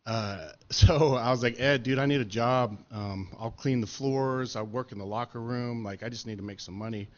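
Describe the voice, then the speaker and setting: A man's voice: medium pitch, normal speed, few pauses, lo-fi sound. A middle-aged man telling stories in a casual podcast chat, laid-back and profane, with lots of fillers. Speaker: podcast interviewee.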